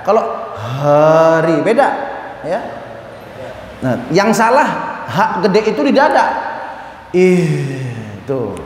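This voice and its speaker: A man teaching a group of men to recite, chanting verses slowly and then correcting their pronunciation in quick, everyday speech. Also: fairly high pitch, big pitch swings. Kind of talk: tajwid lesson to a group of men. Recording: echoey hall with faint room noise.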